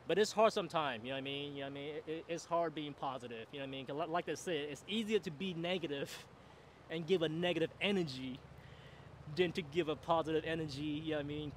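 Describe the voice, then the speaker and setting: A man's voice: fairly high pitch, a bit bright, a little hiss or hum. A man in his forties hosting a solo podcast outdoors, talking in a rambling, reflective way and saying "you know what I mean" over and over. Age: 40s. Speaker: podcast host. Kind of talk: casual solo monologue. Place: outdoors, seated in a camp chair in a river. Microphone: boom mic on a stand.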